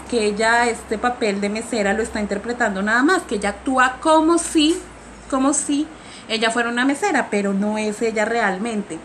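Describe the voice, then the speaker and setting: A woman's voice: a little high, a little hiss or hum. A woman giving a film analysis presentation, talking hesitantly with frequent fillers and restarts. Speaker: student presenter.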